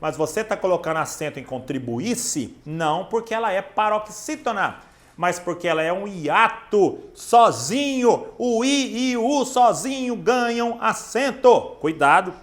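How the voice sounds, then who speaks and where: A man's voice: high voice, lively intonation, a little slow. A man with a Brazilian Portuguese accent giving an online grammar lesson, emphatic and speaking straight to the student. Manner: emphatic, addresses the student directly. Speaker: Portuguese teacher.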